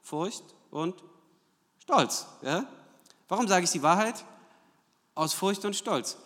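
A preacher delivers his sermon in a fairly high, animated voice that rises and falls constantly. He drives his points with rhetorical questions and frequent tag checks to the congregation. His voice carries through a hall with a long, lingering reverb. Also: slow pace. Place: church hall.

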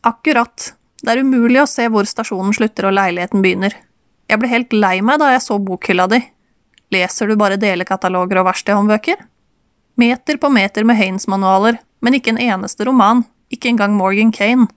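A stubborn, curt mechanic man, read by a woman in an audiobook, defensive and terse. The voice sits at a middle pitch and is recorded dry and close. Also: smooth, no echo, natural voice.

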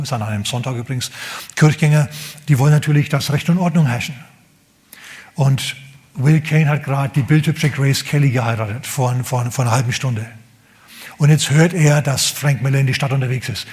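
A male pastor preaching a sermon, telling a story with animated emphasis, repeating words and dropping to whispers. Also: mid-range voice, brisk.

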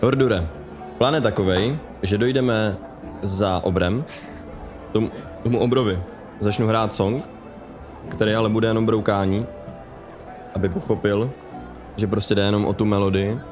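A young man playing a tabletop game who eagerly plans out loud and often laughs. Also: on the low side, steady tone, pauses often, music in the background. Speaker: player. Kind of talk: casual game chat.

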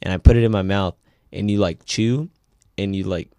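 Man, twenties, low voice, casual podcast chat, rambling storyteller, dry close mic. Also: normal speed, no room sound. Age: 20s. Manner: rambling storyteller, animated when excited. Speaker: podcast co-host.

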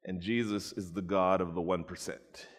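A man preaching a storytelling sermon, animated, acting out voices and addressing listeners by name. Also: sits low, normal speed. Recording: long reverb in a large hall.

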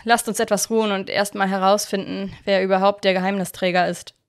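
A woman voicing a secretive, excitable young male detective, talking in a hurried, eager way. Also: mid-range voice, lightly acted.

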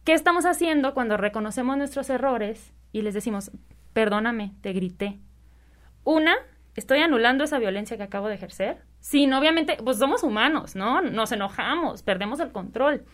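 A woman's voice: on the high side, animated, brisk, fairly bright tone. A woman talking about parenting in a casual conversation, rambling and checking in with tag questions. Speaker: parenting speaker.

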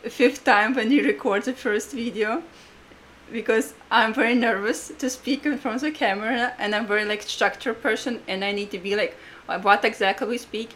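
A woman's voice: fairly high pitch, fairly bright tone. Latvian-accented woman podcaster, slightly noisy room tone. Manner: halting, repetitive phrasing in non-native English. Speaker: podcast co-host. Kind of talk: casual conversational podcast talk.

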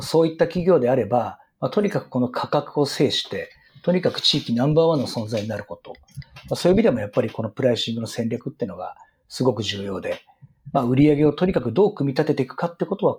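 A middle-aged man with a husky, rough voice explains business strategy in an interview in an earnest, emphatic way. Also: medium pitch, lively intonation, quick pace, a little mellow. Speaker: retail business guest expert.

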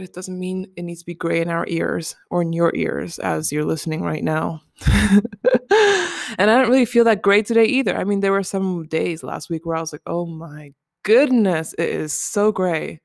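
Woman in her twenties, low-pitched, chatty and rambling, lots of "like" and "you know", dry living-room sound. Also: gravelly, a little mellow, no echo. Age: 20s. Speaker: podcast host. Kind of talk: casual chat.

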